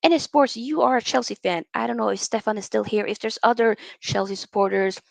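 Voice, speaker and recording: Young woman from Norway, livestream host, chatty and animated, slightly high voice with vocal fry. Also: a little fast, dry recording. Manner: animated and chatty, reads out viewer comments. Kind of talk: casual live-stream chat with viewers.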